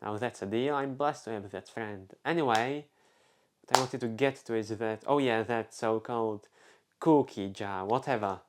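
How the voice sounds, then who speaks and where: Over a noisy background, a young adult vlogger from the Czech Republic talks in a mid-range voice at a moderate pace. With a Czech accent, he tells a casual personal story, meandering, restarting, interrupting himself and filling with "like."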